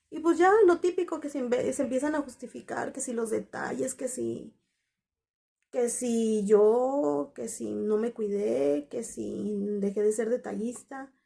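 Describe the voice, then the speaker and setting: A woman vlogger candidly tells her viewers the story of her breakup in a conversational, confessional way, quoting past dialogue. Her voice is a little high, creaky, and slightly rough, with a warm tone.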